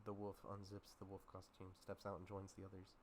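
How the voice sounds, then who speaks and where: A man's voice: low-pitched, monotone, fairly quick, slight background noise. A man with a sore throat reading a film script aloud casually, with dry asides and small stumbles. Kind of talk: casual script read-through.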